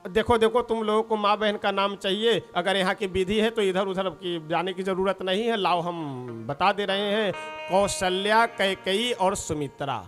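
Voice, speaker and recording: A man's voice: sits high, a bit bright. A man giving a devotional story sermon, playfully explaining word meanings and acting out the characters' lines. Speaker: religious storyteller.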